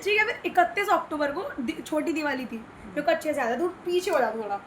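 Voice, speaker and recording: A woman's voice: high-pitched, expressive, fairly bright tone, slight background noise. Chatty young woman vlogger. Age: young adult. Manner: chatty, quick, laughs often. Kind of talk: casual vlog chat.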